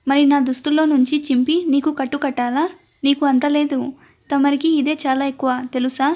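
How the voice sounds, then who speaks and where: A woman's voice: sits high, flat delivery, a little fast, darkish tone, natural voice. A woman voicing a playful, teasing young man who protects a queen in a storybook tale. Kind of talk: storytelling narration.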